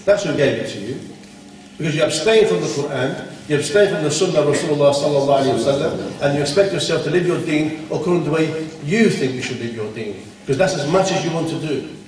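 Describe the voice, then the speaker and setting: A man with a rather high voice and darkish tone speaks fast, giving a blunt, scolding Islamic talk to a conference, leaning on rhetorical questions. The distant recording of the echoey hall has a little hiss or hum.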